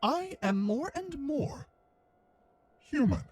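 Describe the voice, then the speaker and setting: A woman's voice: high voice, big pitch swings, slow pace, darkish tone, heavily acted. A woman voicing a cold, condescending android that wears a male soldier's body and speaks in an artificial voice. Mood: calm menace.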